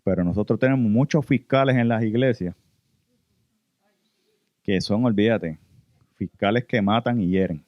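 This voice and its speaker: Male preacher, Puerto Rican accent, earnest testimony delivery, low register, dry muffled recording. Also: moderate pace, pauses often, dry recording. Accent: Puerto Rican Spanish. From Puerto Rico. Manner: earnest, addresses listeners as brothers. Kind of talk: sermon testimony.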